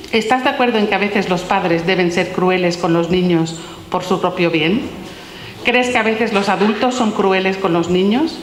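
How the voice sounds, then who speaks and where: A woman with a medium-pitched voice, slight background noise behind her, reads questions aloud from her own children's philosophy book. She is the author presenting it at a public talk, asking a steady stream of gentle questions in a large, echoey hall with long reverb.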